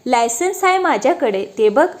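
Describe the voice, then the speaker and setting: A woman's voice: high-pitched, big pitch swings, normal speed. A woman voicing a playful, affectionate young husband who teases his wife. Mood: teasing. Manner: teasing, affectionate.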